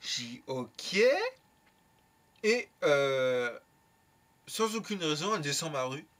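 Young male vlogger, bright and a bit high, tells a rambling anecdote full of slang and curses. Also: slow. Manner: lively, slangy, swears freely. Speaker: YouTuber. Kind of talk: casual storytelling.

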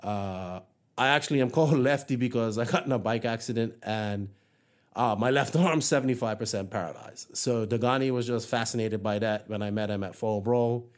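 Man, from Bermuda, podcast host, casual solo chat, rambling, friendly, mid pitch. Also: normal speed. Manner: rambling, friendly, many fillers and restarts.

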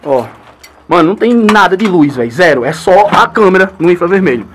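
A breathless young man, talking high and fast as he leads a night exploration vlog. He is tense and excited, swearing freely and calling out to his viewers. His handheld camera mic picks him up outdoors with a faint noise behind him. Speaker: paranormal vlogger. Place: dark ruined house outdoors at night.

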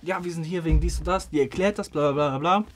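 A man with a slightly raised voice tells an animated, slangy story in a podcast studio. He keeps laughing as he talks. A steady noise with clicks sits under the recording. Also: a little high, quick pace. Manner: animated retelling, slangy, laughing while talking. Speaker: podcast guest. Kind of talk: casual storytelling chat. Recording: noticeable background noise with clicks.

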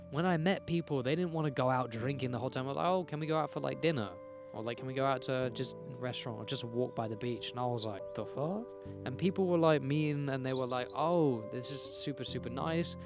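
A young English man, a self-improvement vlogger, talks candidly to a handheld camera outdoors in a green field by a hedge. He rambles in a mid-range voice, swearing and laughing often, and the camera mic is close.

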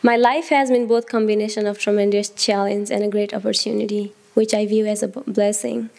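Young woman with a Nepali accent, an even, level voice, giving a steady personal statement into a handheld mic. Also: medium pitch, a little fast, vocal fry. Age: 20s. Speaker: college student.

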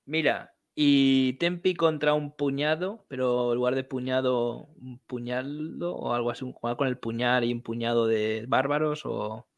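A man's voice: medium pitch, fairly even intonation, moderate pace, hardly any pauses, no echo. Playful man, casual livestream chat. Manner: playful, laughs often, reads out viewer suggestions. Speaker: podcast co-host.

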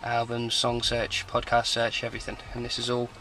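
Talking off the cuff in and around a parked car, a man working as a car audio installer gives an informal, matter-of-fact demo of a product. His mid-range voice is monotone, bright, and forceful at a normal speed. Faint music sits behind him on a rough recording.

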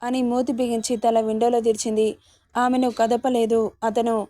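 A woman reads a romance serial aloud in a steady, level delivery. Her voice sits a little high but stays mellow and dark in tone, with almost no rise and fall. The sound is close and dry. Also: normal speed, no room sound. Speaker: storyteller. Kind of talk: serialized romance story narration.

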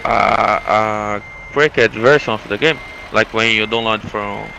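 Bright-voiced non-native man chatting haltingly. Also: lowish voice, gravelly, slight background noise, rough recording. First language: not English. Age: late 20s. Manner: halting, repeats yes often. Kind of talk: casual voice chat while gaming.

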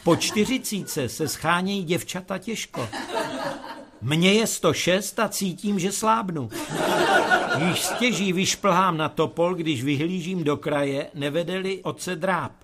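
A very old, anxious mother, played by a man reading a comic story keeps nagging in a pleading, insistent way. The voice is pushed higher and louder than the reader's own. A faint hiss sits behind it. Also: close to an everyday voice. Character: 106-year-old mother, fretting and nagging.

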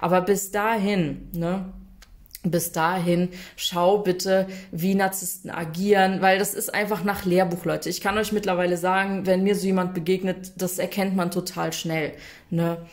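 A woman's voice: fairly low pitch, steady tone, moderate pace. A woman coaching viewers in a casual, direct-to-camera advice talk, chatty and emphatic, often tagging her sentences with a questioning "ne?". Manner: addresses viewers directly and informally. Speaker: coach for people affected by narcissistic abuse.

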